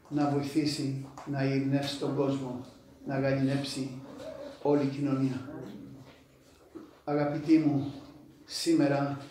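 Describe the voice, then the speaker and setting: A man preaches a sermon in a declamatory style, stacking repeated phrases that climb into loud exclamations. His voice sits fairly high. He is heard from a distance in a very echoey church. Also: slight background noise. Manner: declamatory, with emphatic repetitions and loud rises.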